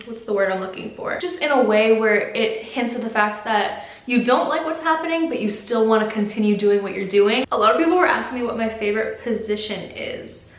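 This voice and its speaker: A young adult woman answering viewer questions in a casual vlog, candid and chatty, filling her talk with "like". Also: on the high side. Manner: candid, chatty, heavy use of "like". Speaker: vlogger. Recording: roomy echo.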